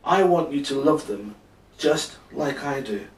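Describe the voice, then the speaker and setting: Man as sighing, slow-spoken storybook God. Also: medium pitch, lively intonation. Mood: patient reproof. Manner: sighing, measured, earnest. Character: God, patient, sighing, gently reproving male. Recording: roomy, echoing, distant microphone.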